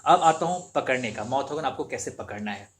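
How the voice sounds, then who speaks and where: A man's voice: mid-range voice, lively intonation, fairly quick, slight background noise. A man teaching beginners harmonica, explaining patiently and repeating each step as he demonstrates. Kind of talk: instructional demonstration.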